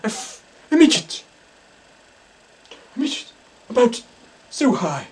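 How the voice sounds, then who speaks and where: A man playing a hammy spoof psychic medium who speaks in halting, dramatic whispers and gasps in a comic mock documentary. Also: very high voice, very animated, a little mellow, far from the mic, heavily acted. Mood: excited. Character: hammy male stage psychic, breathy and theatrical.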